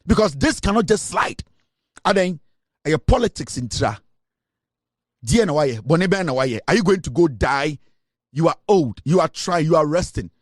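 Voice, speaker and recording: Impassioned Ghanaian man, lively pitch. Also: moderate pace, pauses often, no room sound, clean studio sound. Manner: switches between English and Twi, rising to indignant rhetorical questions. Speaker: online news commentator. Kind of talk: impassioned political commentary.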